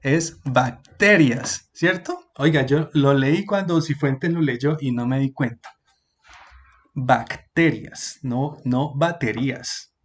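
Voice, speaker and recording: A male teacher leads an online class in a voice that sits a little high for a man. He explains things patiently and stretches out key words so students can follow. He keeps turning to the students with questions. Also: measured pace, hardly any pauses, a little mellow.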